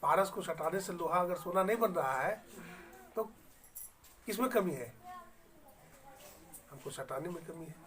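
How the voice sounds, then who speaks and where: Hindi-speaking swami telling a parable. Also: male voice, high voice, a little slow, pauses often, a bit bright, recorded from a distance. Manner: storytelling, acts out dialogue, asks the audience questions, builds to emphatic lines. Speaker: swami giving a spiritual discourse. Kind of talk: Hindi satsang sermon with storytelling.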